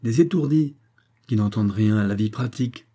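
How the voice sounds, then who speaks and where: A man playing a haughty, hot-tempered American billionaire in a storybook reading, in a gruff and scornful manner. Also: lowish voice, lightly acted. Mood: gruff dismissive. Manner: gruff, scornful, quick to shout.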